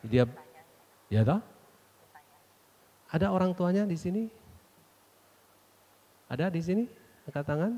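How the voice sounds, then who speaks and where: A man's voice: sits high, very animated, slow pace, long pauses, dark tone. A middle-aged man, a pastor leading a church seminar's question time, reading out questions and speaking to the audience directly. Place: church hall. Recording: long hall reverb.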